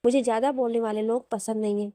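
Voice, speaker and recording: A woman's voice: a little high, fairly even intonation, quick pace, mellow, dry recording, natural voice. A woman voicing an arrogant, angry young husband who talks curtly and bossily. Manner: curt, irritable, bossy.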